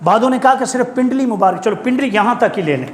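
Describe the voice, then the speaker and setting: A male preacher delivers an impassioned sermon in a very high, piercing voice. He climbs to fervent shouts and keeps calling out for replies. The sound rings through an echoey hall over a faint hiss. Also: animated. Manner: fervent, rising to shouts, calls for congregation replies. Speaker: Islamic preacher.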